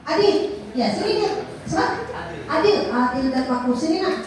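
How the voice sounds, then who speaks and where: Woman teaching public speaking to a class, high voice, big echoey room, mic far off. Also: normal speed, a crowd in the background. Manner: lively, coaxing, asks class questions. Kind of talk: classroom workshop talk. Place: school classroom or hall.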